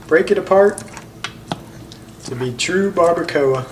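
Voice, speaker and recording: A man's voice: fairly high pitch, unhurried, roomy sound, a little hiss or hum, low-quality recording. A man co-hosting a home food vlog, describing each bite with enthusiasm. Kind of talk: casual food-tasting chat.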